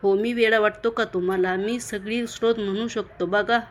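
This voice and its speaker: A woman's voice: medium pitch, fairly even intonation, moderate pace, lightly acted. A woman voicing a desperate young man locked in an asylum, begging tearfully to be believed and set free. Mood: pleading.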